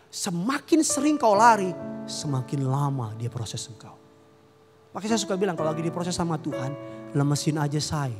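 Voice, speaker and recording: A man's voice: high voice, fairly bright tone. A male pastor preaching fervently, calling for amens and mixing in casual stories. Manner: fervent, calls the congregation to answer amen; mixes preaching with casual storytelling. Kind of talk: sermon. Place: church hall during a service. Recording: echoing church hall with music behind.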